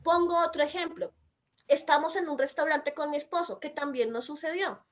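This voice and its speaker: A Colombian woman and mother with a Colombian accent, explaining a law in an emphatic way and describing herself as loud by nature. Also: sits high, moderate pace. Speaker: mother and commentator. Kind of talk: explanatory commentary.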